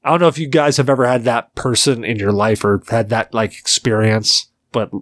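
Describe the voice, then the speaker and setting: A man's voice: mid-range voice, steady tone, brisk, fairly bright tone, no echo. A man in his forties talks in a mid-range voice, loose and rambling as he tells a story on a casual podcast. He swears freely. The sound is close and dry, with no room around it. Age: 40s. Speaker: podcast host.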